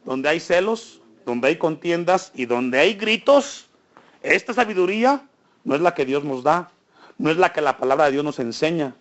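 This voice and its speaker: A man's voice: on the high side, expressive, moderate pace, muffled recording. A male pastor preaching a sermon in a church, asking the congregation frequent questions and building emphasis.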